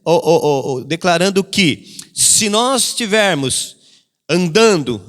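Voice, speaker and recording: A man preaches in a high voice and hammers his key phrases again and again. He briefly acts out the voices of the people he quotes. The sound rings with the long reverb of a church hall. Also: lively intonation, takes it slowly, fairly bright tone. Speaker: pastor. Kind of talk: sermon.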